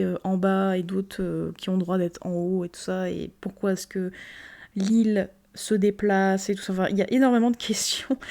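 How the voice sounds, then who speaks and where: A woman's voice: mid-range voice, creaky, mellow. A young woman casually reviewing anime, rambling with many fillers and repeated "very, very".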